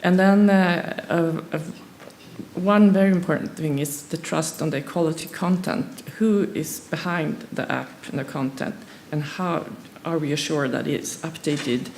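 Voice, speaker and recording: Speaking English as a non-native, a Swedish woman gives a halting conference presentation, filling it with hesitations, fillers and restarts. Her voice is low and a little mellow, and the recording has slight background noise.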